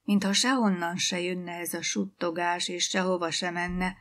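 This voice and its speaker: Calm, lower-voiced woman narrator. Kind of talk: literary audiobook reading.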